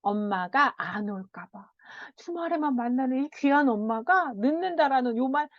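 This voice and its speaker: A woman child counselor giving a parenting lecture, animated, often laughing and acting out what children and parents say. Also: high voice, normal speed, no room sound. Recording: dull, dry sound.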